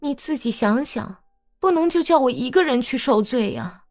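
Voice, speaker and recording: A woman's voice: sits high, animated, a little mellow, voice pushed up. A woman voicing a bold, mocking young peasant woman who talks in a brash, teasing way in an audiobook. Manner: brash, teasing, quick-tongued.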